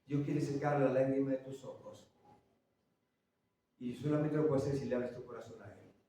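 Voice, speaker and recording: Impassioned pastor in echoey church. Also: male voice, medium pitch, fairly even intonation, moderate pace, dark tone, recorded from a distance, slight background noise. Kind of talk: sermon.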